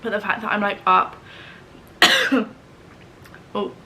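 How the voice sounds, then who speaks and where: A woman's voice: medium pitch, little pitch movement, slow, bright, forceful tone, slight background noise. A woman, chatting casually in a vlog, rambling and a little woozy after being ill. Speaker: vlogger.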